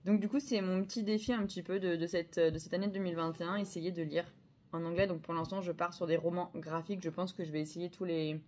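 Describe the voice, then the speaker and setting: A woman's voice: lowish voice, fairly even intonation, fast talker, darkish tone. A young French woman chatting casually about her books, hesitant, with many fillers and self-corrections. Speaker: book vlogger. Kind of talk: casual chat.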